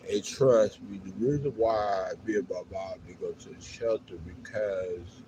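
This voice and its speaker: An American man with a low voice rambles casually to his viewers, asking for help. He speaks slowly and haltingly, circling back over his phrases. He is outdoors on a downtown street, with plainly audible noise around him. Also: fairly even intonation. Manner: halting, repetitive, with frequent 'you know'. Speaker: livestreamer appealing to viewers for help. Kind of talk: casual, rambling plea to camera. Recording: noisy outdoor street, uneven level.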